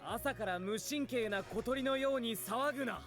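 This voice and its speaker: A man's voice: extremely high pitch, fairly quick, over music. An actor playing a sleepless, irritable king in an audio drama, imperious and scolding. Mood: irritated, haughty.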